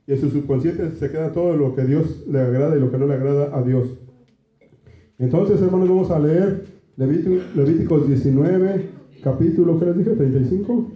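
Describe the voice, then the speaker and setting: A Mexican man with a Mexican Spanish accent, a pastor delivering a conversational sermon and often turning to the congregation with asides. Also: on the high side. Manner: conversational preaching, keeps asking "¿verdad?" and "hermanos". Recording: echoey room, dull lo-fi sound.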